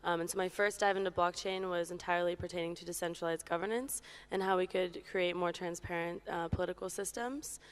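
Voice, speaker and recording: A woman from Hong Kong speaking as a panelist in a conference discussion, measured and even, with a few fillers. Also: fairly low pitch, clear, resonant tone.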